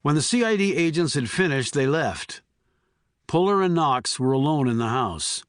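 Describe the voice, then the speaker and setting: A man narrating a thriller audiobook in a measured, even way. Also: fairly high pitch, dry recording, studio quality. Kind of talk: scripted narration.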